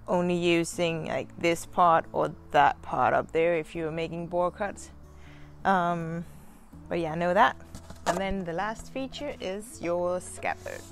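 Slow, chatty woman demonstrating outdoors. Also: medium pitch. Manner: relaxed, chatty, with fillers. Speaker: chainsaw channel host. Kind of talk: casual demonstration. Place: outdoors in a garden.

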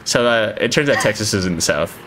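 A woman's voice: a bass voice, expressive, fast talker. A woman with an American accent bantering casually on a livestream, arguing in an exasperated, sweary way and repeating her words. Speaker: VTuber streamer. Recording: clear background noise with clicks.

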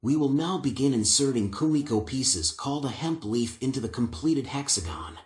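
Calm older man explaining woodwork steps. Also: medium pitch, normal speed, echoey room. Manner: calm, patient, methodical explanation. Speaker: woodworking instructor. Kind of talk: step-by-step craft instruction. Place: indoor woodworking workshop. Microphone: lapel mic.

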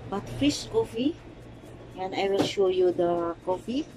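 A woman's voice: medium pitch, animated, measured pace. Filipino woman vlogger, leisurely and chatty, phone audio, store noise behind. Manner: chatty, repeating filler words to viewers. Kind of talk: casual shopping vlog. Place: indoor coffee and date shop. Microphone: handheld phone camera.

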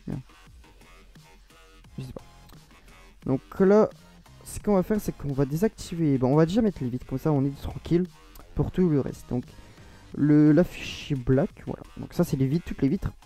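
A man with a French accent talks through a screen-recorded modding tutorial in a very dark, mellow voice. He rambles, hesitates and corrects himself as he goes. Faint music plays underneath. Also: a little high, normal speed, pauses often. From France.

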